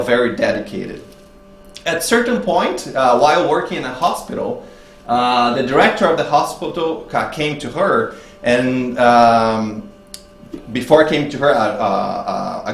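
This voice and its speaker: A man with a lower voice speaks haltingly, searching for words, as he gives a religious talk with storytelling at a spiritist public meeting. The room is echoey, with a faint hum and some noise in the background.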